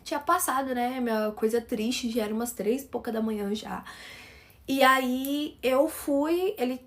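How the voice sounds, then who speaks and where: Chatty high-voiced woman telling a story. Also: unhurried, a bit bright. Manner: chatty, keeps asking "entendeu?". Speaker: storyteller vlogger. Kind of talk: casual storytelling.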